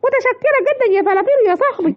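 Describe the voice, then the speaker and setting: A woman's voice: very high voice, animated, racing, dull audio, music in the background, voice pushed up. A woman with an Egyptian accent voicing a squealing, gushing little girl cow in a children's story. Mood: grateful. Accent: Egyptian Arabic.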